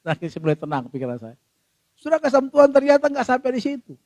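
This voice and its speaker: A middle-aged male pastor preaching a sermon, telling a personal story with emotion and often addressing the congregation, swinging from loud to hushed. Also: extremely high pitch, very animated, rapid-fire, no echo.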